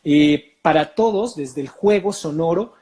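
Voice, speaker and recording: A man with a Mexican accent, a voice coach talking in an interview, explaining in an animated way with many filler sounds. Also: fairly high pitch, a little slow. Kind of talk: casual interview talk.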